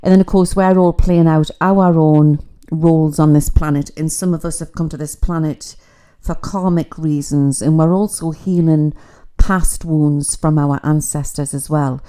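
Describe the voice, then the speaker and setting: A woman's voice: low voice, steady tone, unhurried, few pauses, dark tone. A middle-aged woman gives a casual, rambling spiritual reading on a livestream. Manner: chatty, rambling, mystical. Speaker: psychic.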